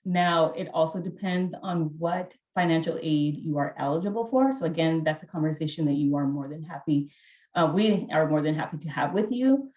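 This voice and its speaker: A helpful, patient financial aid officer answers questions casually on a video call, repeating the key steps. Her voice is low and a little mellow at a moderate pace. The audio is dull, with room echo.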